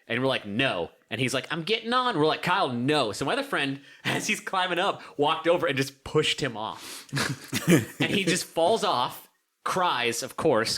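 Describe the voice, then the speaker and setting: A young man co-hosting a podcast, telling a story in casual chat, swearing and acting out the other people in it. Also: mid-range voice. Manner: animated, swearing, acts out voices in stories. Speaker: podcast co-host.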